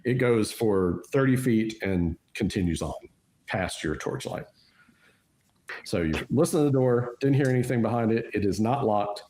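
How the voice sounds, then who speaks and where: A man's voice: on the low side, moderate pace, a little mellow, slight background noise. A man running a tabletop role-playing game as game master, explaining rules and describing scenes patiently with many fillers and restarts.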